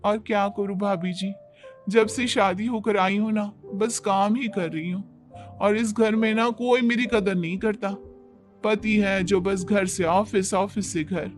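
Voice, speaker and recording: Whiny, dramatic young wife, high and complaining, put on by a man. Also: steady tone, a little slow, soft background music.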